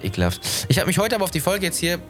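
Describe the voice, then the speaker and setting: A man's voice: sits high, huge pitch swings, very fast, a bit bright, faint music behind. A young man co-hosting a casual podcast while hungover, talking in a rambling, slangy way. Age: young adult. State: hungover with a headache. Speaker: podcast co-host.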